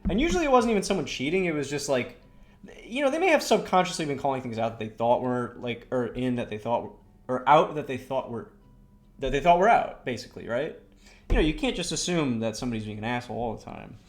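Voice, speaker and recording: A man's voice: mid-range voice, animated, fast talker. Rambling, foul-mouthed young man telling a story. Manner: rambling, swears a lot, many fillers. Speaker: streamer. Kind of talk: casual storytelling while drawing.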